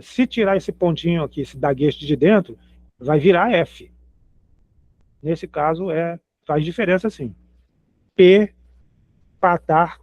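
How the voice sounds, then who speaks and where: Man, patient teacher, very slow, repeats words, dry tinny sound. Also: fairly high pitch, a little mellow, dry recording. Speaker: Hebrew teacher. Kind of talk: slow explanatory lesson.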